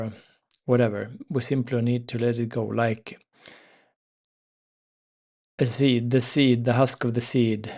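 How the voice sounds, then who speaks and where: Guy teaching spiritual stuff, creaky gravelly voice, talks in halting little chunks. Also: medium pitch, darkish tone. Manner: halting, with pauses mid-phrase. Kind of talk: informal spiritual talk with demonstration.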